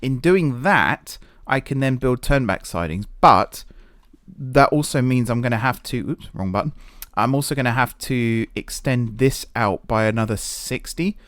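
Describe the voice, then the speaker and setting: In a studio-quality recording, a man with a mid-range, somewhat bright voice offers animated yet unhurried gameplay commentary, thinking aloud and poking fun at himself as a gaming video host. The sparsely furnished office he's in sounds echoey.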